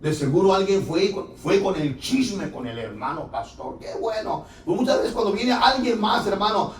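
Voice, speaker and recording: Male pastor, high-pitched and emphatic, drawn-out delivery, recorded from a distance in a reverberant church. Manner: emphatic preaching with drawn-out words and direct questions to the congregation. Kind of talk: sermon. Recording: echoey church hall, voice from a distance.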